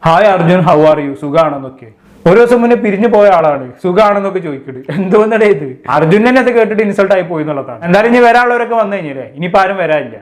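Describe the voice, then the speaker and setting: A man's voice: high-pitched, expressive, very fast. A man giving a casual, chatty recap of a reality show and talking straight to his viewers. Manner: chatty, addresses viewers as kids. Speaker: show commentator.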